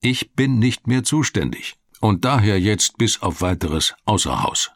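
A man's voice: lowish voice, lively intonation, measured pace, dry recording, clean studio sound, pitched above the performer's own voice. A man doing a grumpy, curt detective. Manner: curt, grumbling. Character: grumpy male police detective.

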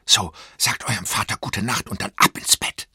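A man voicing a tired, no-nonsense mother who is a doctor, firm and hushed. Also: medium pitch, brisk, slightly rough, dry recording, clean studio sound.

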